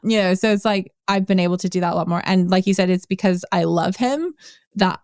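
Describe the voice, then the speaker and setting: A woman's voice: fairly low pitch, brisk, a little mellow, clean tone, no room sound, studio quality. A middle-aged woman hosting a podcast interview, chatty and laughing often, with many restarts and fillers. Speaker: podcast host. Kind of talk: casual interview chat.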